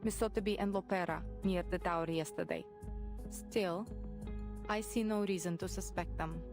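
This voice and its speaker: A protective female officer acted by a woman from a video game. Her voice sits fairly low and stays formal and measured. Music plays clearly behind her. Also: fairly even intonation, lightly acted. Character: composed, protective female military lieutenant. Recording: music over game dialogue.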